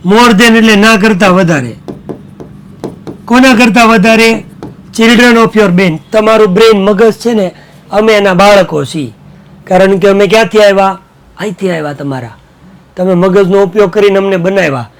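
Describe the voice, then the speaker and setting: A male teacher giving an animated online class, mixing in Hindi and English and getting students to call out answers. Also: high voice, moderate pace.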